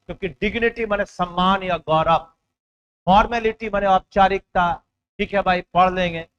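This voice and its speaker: High-voiced man teaching vocabulary. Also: a bit bright, clean tone, dull audio. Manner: explains in Hindi, reads English words slowly, checks in with "है ना?". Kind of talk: exam-prep vocabulary lesson.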